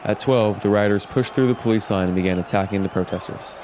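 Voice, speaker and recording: Fast-talking news anchor, played by a man, noisy background. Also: fairly low pitch, crowd noise, lightly acted. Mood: brisk, earnest. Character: male TV news anchor, earnest and brisk. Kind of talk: scripted news narration.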